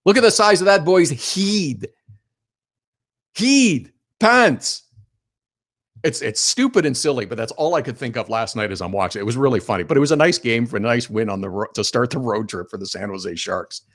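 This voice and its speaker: A man's voice: lowish voice, animated, fast, few pauses. A man hosting a hockey radio show, talking in a chatty, opinionated way and laughing as he tells stories. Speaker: sports radio host. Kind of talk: casual hockey radio talk.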